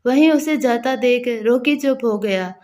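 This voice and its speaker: A woman's voice: a little high, measured pace, darkish tone. A woman reading a dramatic family story aloud as a storyteller, voicing the characters in her own voice with little change. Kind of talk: scripted story narration.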